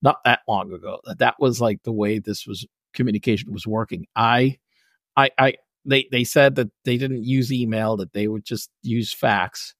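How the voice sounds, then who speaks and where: A man co-hosting a podcast banters in a joking, teasing, offhand way. His voice has an ordinary middle pitch. It is recorded close and dry, with no audible room. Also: normal speed, a bit bright, no room sound. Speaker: podcast co-host. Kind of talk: casual podcast chat.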